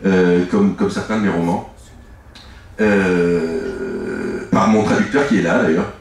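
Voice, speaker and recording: Recorded far from the mic in an echoey room with faint ambience, a middle-aged man speaks in a low, steady, creaky voice with a darkish tone. He is an author and native French speaker, guesting at a live book talk and answering at rambling length, halting and restarting often.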